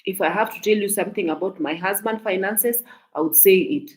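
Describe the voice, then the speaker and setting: A Kenyan woman with a Kenyan accent chats casually and talkatively to her viewers about celebrity gossip, mixing in Swahili phrases. Her voice is mid-range and brisk, and she's emphatic, repeating herself.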